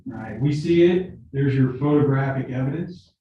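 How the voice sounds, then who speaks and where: A man's voice: mid-range voice, moderate pace, dark tone, very echoey, far from the mic, highs cut off, slight background noise. A man questioning potential jurors in a conversational, explaining way, often repeating his words. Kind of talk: jury selection questioning. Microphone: video call.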